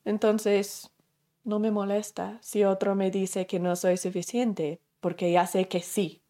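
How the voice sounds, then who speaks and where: A woman teaches a class at a middle pitch, neither high nor low. She talks it through conversationally, asking herself questions and acting out everyday examples, and corrects herself as she goes. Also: level tone, takes it slowly, dark tone. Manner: explains through self-questioning and acted examples; conversational, with fillers and self-corrections. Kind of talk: spoken lesson to a class.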